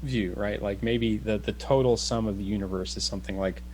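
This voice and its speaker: A man's voice: on the low side, steady tone, fairly quick, a little mellow, rough recording. Man reasoning aloud, faint hum behind. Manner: reasons aloud, restarts phrases, checks in with "right?". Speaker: guest. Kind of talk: casual conversation over a video call.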